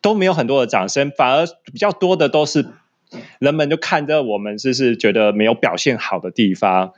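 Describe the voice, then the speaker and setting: Mid-pitched Taiwanese man in conversation. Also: a little fast, highs cut off. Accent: Taiwanese Mandarin. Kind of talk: casual chat.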